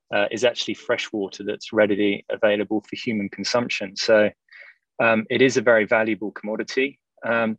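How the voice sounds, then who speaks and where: Male podcast guest, corporate analyst type, lowish pitch, explaining with small hesitations. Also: a bit bright, dry recording, lo-fi sound.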